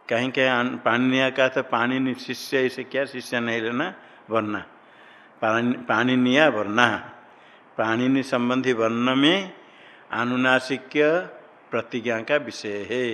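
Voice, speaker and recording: A male teacher lecturing a class in a room with a long, ringing reverb. He asks questions and answers them himself, at an ordinary pitch, and has his students recite the lines together with him. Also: fairly bright tone. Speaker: Sanskrit grammar teacher.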